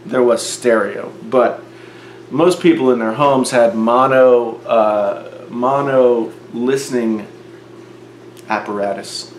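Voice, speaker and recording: A man's voice: mid-range voice, a little hiss or hum. A man in his forties talking casually in a wry, chatty way, speaking straight to his viewers in an unboxing vlog. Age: 40s. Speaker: tech YouTuber host. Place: home room. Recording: roomy echo with faint music.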